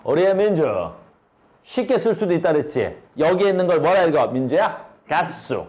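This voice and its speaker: A man teaching a high school science class in a classroom, constantly asking his students questions as he explains. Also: animated, moderate pace, darkish tone.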